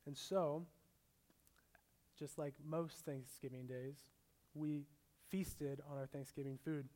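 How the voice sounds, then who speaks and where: A young man preaching a sermon as a pastor, mixing scripture with a relaxed personal story. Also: fairly high pitch, slow pace.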